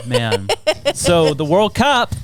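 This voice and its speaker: A man in his thirties explains things in a rambling, enthusiastic way on a casual comedy podcast. His voice is smooth and resonant, recorded close and dry with no room echo. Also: high-pitched, wildly swooping pitch, extremely slow. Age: 30s. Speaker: podcast co-host.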